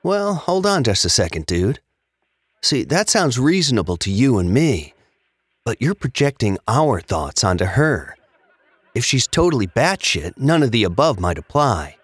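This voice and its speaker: An actor playing a laid-back stoner roommate who talks in an unbothered, drawling slacker way. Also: male voice, mid-range voice, very animated, measured pace, slightly rough, dry recording. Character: laid-back stoner male roommate, easygoing and munchie-minded. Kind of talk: audio drama acting.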